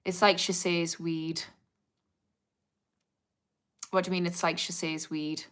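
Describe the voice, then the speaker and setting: On an informal livestream, a Geordie-accented English woman with a touch of posh twang responds frankly to viewers' comments as an addiction therapist. Her voice sits on the low side with little pitch movement, slow, a bit bright and clean.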